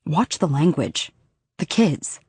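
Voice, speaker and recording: A woman voicing a protective, blunt young man in an audiobook, speaking quietly and low. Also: lively intonation, slow pace, breathy edge, no room sound, full character voice. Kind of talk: audiobook character dialogue.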